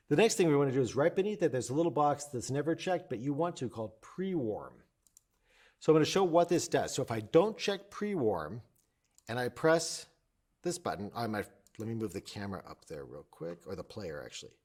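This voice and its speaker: A man teaches through a casual screen-share tutorial, thinking aloud and explaining things informally. He often repeats himself to make points clear, and his voice is fairly low in pitch with a darkish tone.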